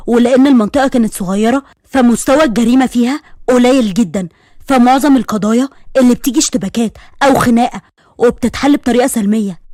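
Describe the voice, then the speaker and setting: A woman with an Egyptian accent narrating a first-person horror story in a suspenseful, brisk manner. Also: fairly high pitch, darkish tone, no echo, studio quality. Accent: Egyptian Arabic.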